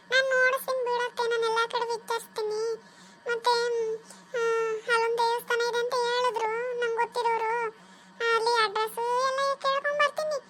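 A woman voicing a kind young woman who gently comforts and reassures her aunt in a cartoon drama. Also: very high-pitched.

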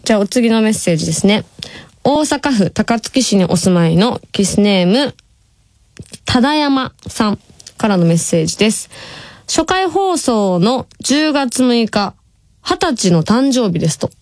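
Woman, twenties, Kansai accent, radio host, lively pitch, dry close sound, laughs a lot. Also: moderate pace, no echo. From Nishinomiya, Hyogo, Japan. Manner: chatty, laughs often, drawls some words. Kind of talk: casual radio talk reading listener messages. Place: radio studio.

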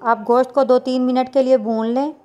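A woman, talking viewers through a recipe step by step in a plain, unhurried voice-over. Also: sits high, level tone, warm tone, highs cut off. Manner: plain instructional, unhurried with small restarts. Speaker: cooking channel host.

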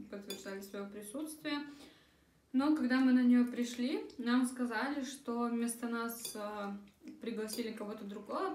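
A young woman chatting casually for a mukbang vlog, talking while she eats at a table. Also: fairly high pitch. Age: young adult. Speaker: vlogger. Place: small room at a dining table. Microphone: camera across the table. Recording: roomy, faint cutlery and dish noise.

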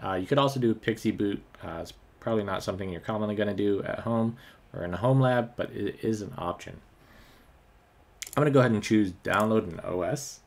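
A man narrates a screen-recorded tech tutorial in a fairly low voice. His talk is loose and unscripted, filled with ums and uhs as he clicks through each step. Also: brisk, gravelly. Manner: relaxed, many ums and uhs. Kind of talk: screen-recorded software walkthrough.

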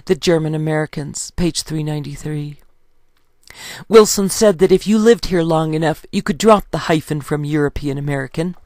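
A woman reading her own history book aloud in a steady, measured way, citing page numbers as she goes. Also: sits low, dry recording, clean studio sound.

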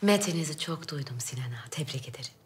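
Low, soft-voiced Ottoman royal consort. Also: animated, fast talker, slightly rough, exaggerated voice. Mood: gracious, expectant. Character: poised, gracious Ottoman sultan's consort.

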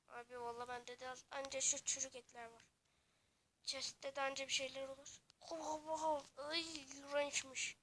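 Brief: woman, high bright voice, playful game role-play, dramatic character switching. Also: creaky, a little hiss or hum. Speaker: game story narrator.

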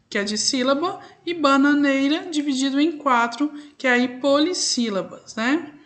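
A young adult woman, teaching a primary class remotely and spelling out answers slowly, checking in with the children often. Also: high voice, a bit bright. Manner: slow, drawn-out dictation with frequent "tá?" and "né?" checks. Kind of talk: recorded remote class correcting exercises.

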